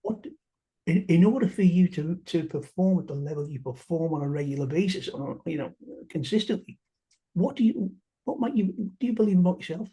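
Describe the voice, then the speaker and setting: Guy, kinda high voice, keeps restarting what he's saying. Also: animated, dark tone. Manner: halting, many restarts and fillers. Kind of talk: casual conversation.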